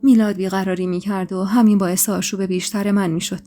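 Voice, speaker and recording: A woman storyteller reading a dramatic first-person story in an emotional, expressive way, with faint music behind her. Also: medium pitch. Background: faint background music.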